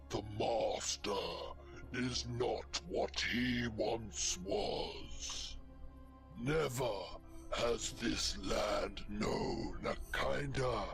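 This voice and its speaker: An undead ghoul ferryman for a fantasy game. The voice crackles with gravel and drags out each portentous word in a bitter, horror-host manner. Music plays softly underneath. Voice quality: deep, resonant, creaky, throaty.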